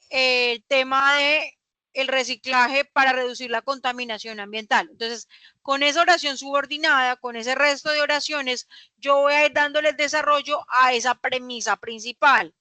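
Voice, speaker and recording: Bright high-voiced woman teacher. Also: no room sound. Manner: explains patiently with rhetorical questions. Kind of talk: classroom lecture.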